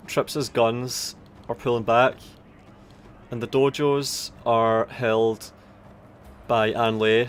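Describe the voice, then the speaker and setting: A man with an Aberdonian Scottish accent giving casual, sweary live commentary on a strategy game, thinking aloud in a halting way. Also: medium pitch. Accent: Aberdonian Scottish (Doric). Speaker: esports tournament commentator. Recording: background noise of game battle ambience. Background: strategy game battle sounds.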